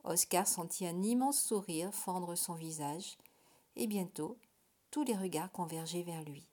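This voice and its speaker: Woman reading a storybook aloud, expressive. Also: on the low side, a little slow. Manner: expressive, hushed in tense moments.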